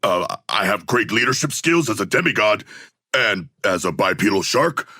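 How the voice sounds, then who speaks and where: A man playing a hulking, proud humanoid shark warrior in a video game, speaking in stilted, grandiose formal phrases with a gravelly voice. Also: on the low side, expressive, moderate pace, pushed and bright, dry recording, studio quality, full character voice. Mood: proud, measured. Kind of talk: video game character dialogue.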